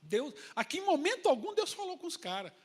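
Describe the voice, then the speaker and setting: A male pastor with a Brazilian accent, preaching a sermon in a colloquial, animated storytelling way. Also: extremely high pitch, fairly quick, in a large hall. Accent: Brazilian Portuguese.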